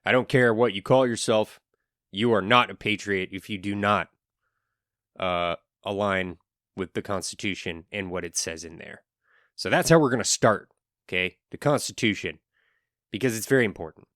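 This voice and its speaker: A man's voice: lowish voice, moderate pace, fairly bright tone, no echo, clean studio sound. A man hosting his own podcast, giving an earnest solo monologue with wry asides. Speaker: podcast host.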